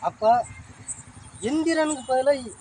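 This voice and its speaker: A high-voiced, naive helper, played by an actor, earnestly pitches his silly ideas while deferring to his boss. He sounds eager and meek. It was recorded outdoors, with clear traffic and animal noise around him. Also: takes it slowly, a little mellow. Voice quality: deferential, keeps agreeing with "brother". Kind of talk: web series comedy acting.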